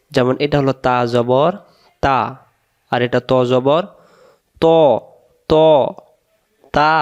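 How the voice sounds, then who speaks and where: Slow, smooth-voiced Bangladeshi man teaching. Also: mid-range voice. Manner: slow, drawn-out syllables when demonstrating, repeats each word. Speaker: Quran recitation teacher. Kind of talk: step-by-step recitation lesson.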